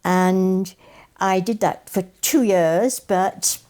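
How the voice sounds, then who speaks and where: Speaking very slowly in a clear, resonant, mid-range voice, this mellow older woman from Wales shares memories as an interview guest. She is an educator and a native Welsh speaker, and her storytelling is warm, with phrases repeated to drive points home.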